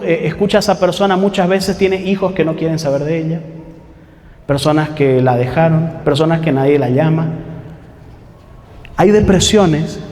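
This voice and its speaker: A man's voice: sits high, darkish tone, in a large hall. A man preaching a sermon, talking conversationally with rhetorical questions and mocking quotes of what people say.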